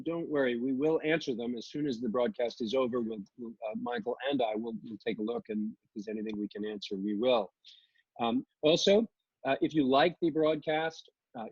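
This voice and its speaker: Husky-voiced man hosting a live interview. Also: mid-range voice, a little mellow, no room sound. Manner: halting, many fillers and restarts. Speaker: host. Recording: dull lo-fi livestream audio.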